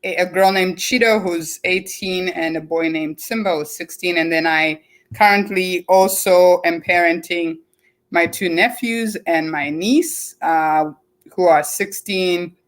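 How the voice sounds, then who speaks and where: A woman in her forties from Zimbabwe speaks with a mixed Zimbabwean, English and American accent. She tells her story casually as an interview guest and laughs easily. Her voice is fairly low for a woman. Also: a little slow. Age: 40s.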